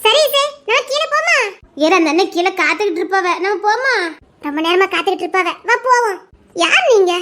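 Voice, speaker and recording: A woman's voice: very high voice, animated, pushed and bright, slight background noise, full character voice. A woman voicing a group of teenage schoolgirls bickering and teasing after an exam in an audio drama. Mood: gossipy. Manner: bickering, teasing, quick back-and-forth.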